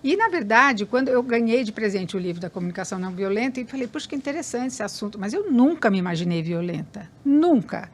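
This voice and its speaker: An older woman, a guest in an interview, telling stories in a relaxed way and acting out bits of dialogue. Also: mid-range voice, fast, hardly any pauses, slight background noise. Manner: animated storyteller, acts out dialogue. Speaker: guest, family counselor.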